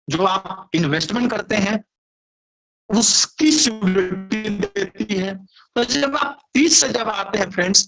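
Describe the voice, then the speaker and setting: A man's voice: high-pitched, fairly bright tone. A man presenting and explaining a business plan to his audience, steadily, with frequent restarts and repeated words. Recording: dull lo-fi recording.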